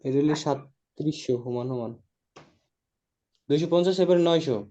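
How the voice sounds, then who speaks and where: A man answering his tutor quietly, repeating the figures back. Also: on the high side, normal speed. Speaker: student. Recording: dull lo-fi recording.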